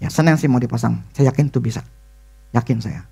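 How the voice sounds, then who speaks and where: A male pastor, preaching a sermon and telling a personal story in animated, excited bursts. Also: mid-range voice, fast, vocal fry, breathy edge.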